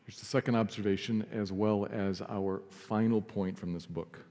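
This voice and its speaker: A man preaching a sermon as pastor, earnest, sometimes dropping to a soft, quiet emphasis. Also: fairly low pitch, steady tone, normal speed, long reverb tail. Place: church sanctuary.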